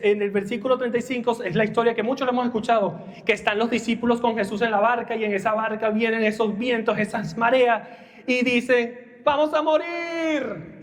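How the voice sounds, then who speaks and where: A man's voice: extremely high pitch, big-room sound. A young male preacher giving a sermon, dramatically acting out the lines of the people in the story. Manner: dramatic, acts out Bible characters' lines.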